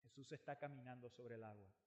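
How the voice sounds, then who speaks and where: A man preaches a sermon that dramatically retells a Bible story, shifting from loud emphasis to hushed lines and repeating phrases for weight. He speaks fast at a medium pitch.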